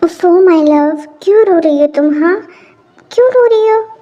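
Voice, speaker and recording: Woman doing a teasing young husband, high. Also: lively intonation, normal speed, warm tone, dull audio. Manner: teasing, coaxing. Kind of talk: amateur fan audio drama.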